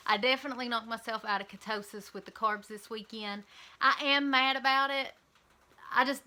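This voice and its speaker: A woman vlogger with an Eastern Kentucky accent talks casually and candidly to camera. Her fairly high voice sounds pushed and bright, and she uses frequent ums and likes.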